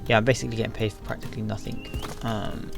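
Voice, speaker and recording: Sleepy, gravelly man rambling over gameplay. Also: on the low side, flat delivery, fast talker, soft background music. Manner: rambling, self-talking, frequent fillers. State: sleepy, yawning. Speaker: gaming video creator. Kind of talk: casual commentary while building in a game.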